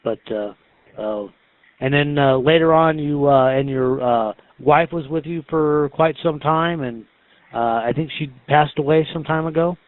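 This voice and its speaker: A man conducting a casual interview, asking halting, hesitant questions with many pauses. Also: on the high side. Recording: tinny phone-like band, roomy echo.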